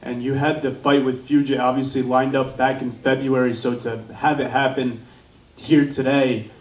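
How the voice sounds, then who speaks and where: A man's voice: mid-range voice, flat delivery, moderate pace. Distant, echoey male reporter. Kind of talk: press interview questioning. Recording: roomy echo, distant from mic.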